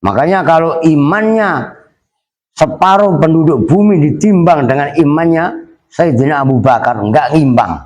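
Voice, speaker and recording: A man's voice: a little high, expressive, moderate pace, darkish tone, lo-fi sound. A middle-aged man from Indonesia, a kyai at a pesantren who translates Arabic phrases line by line. He teases his students and jokes with them between the translations. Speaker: kyai teaching a kitab at a pesantren. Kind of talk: kitab study lesson, translating Arabic line by line.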